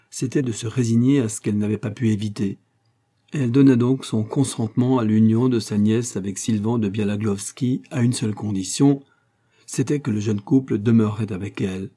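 Male audiobook narrator, measured, very dark timbre, husky. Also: medium pitch. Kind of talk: scripted narration of a novella.

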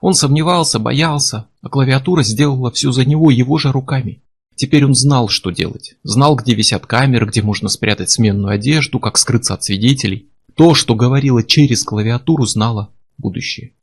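A man narrating a novel in steady, low-key scripted narration with tense emphasis. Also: a little fast, breathy edge. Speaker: audiobook narrator.

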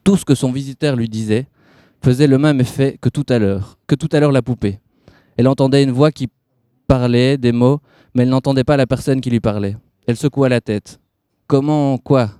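A man's voice: mid-range voice, a little fast, dark tone, no echo, clean studio sound. A man on a radio show reading a novel aloud, hesitant and informal, often restarting his words. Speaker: guest reader on a radio show. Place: bar.

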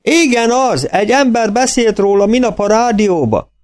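A man's voice: sits high, animated, darkish tone, voice pushed up. A man voicing a big, stately old farmer who talks in rustic country dialect, in an audiobook. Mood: insistent.

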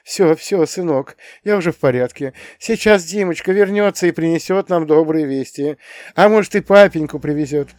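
A man's voice: on the high side, moderate pace, darkish tone, dry recording, studio quality, voice pushed up, lightly acted. A man doing a frightened wailing mother. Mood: weak soothing. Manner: weak, wailing, pleading. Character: anxious frightened middle-aged mother. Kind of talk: audiobook character voice.

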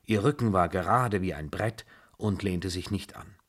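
A male audiobook reader with a husky voice, narrating a story in the first person in a measured, even way. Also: sits low.

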